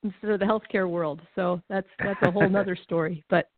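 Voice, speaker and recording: A middle-aged woman from Connecticut in New England, once a baseball team executive, joins a talk show by phone, chatting casually and laughing often. Her mid-range voice holds a steady tone, she talks fast, and the line sounds tinny and dry.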